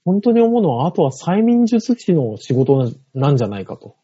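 A man co-hosting a chat show answers with short agreements and the odd dry quip. His voice is mellow and a little husky, and the recording sounds dry and dull. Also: on the high side, sing-song, a little fast. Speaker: co-host. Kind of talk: casual chat, backchanneling.

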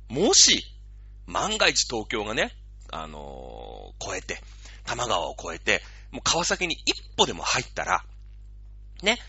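A man's voice: medium pitch, sharp tone, slightly rough, no echo, lo-fi sound. A man hosting a radio show, talking casually and explaining things with playful analogies.

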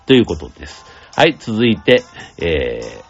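A man hosting a radio show, explaining things in a gentle, chatty way with many asides and fillers. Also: deep voice, very animated, unhurried, gravelly, husky, highs cut off, soft background music. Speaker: radio host. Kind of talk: casual explanatory radio talk.

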